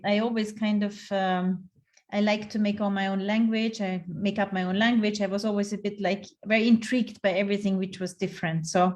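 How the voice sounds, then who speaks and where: A woman's voice: mid-range voice, darkish tone. A woman in her fifties from Austria, giving a reflective online career talk with frequent restarts and fillers, heard over a video call. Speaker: guest speaker.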